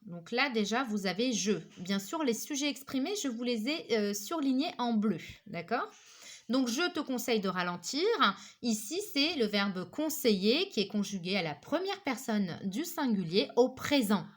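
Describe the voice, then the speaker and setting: A woman teaching a recorded grammar lesson, explaining patiently and checking in often with her listeners, with frequent fillers. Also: fairly high pitch. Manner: patient, repeats "ok?" and "d'accord?"; slow, careful explanation with many fillers.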